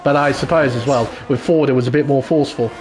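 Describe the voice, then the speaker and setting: A man with a mid-range voice and fairly even intonation talks fast, giving live sim racing commentary that calls the action move by move. Loud racing car engine noise runs behind him.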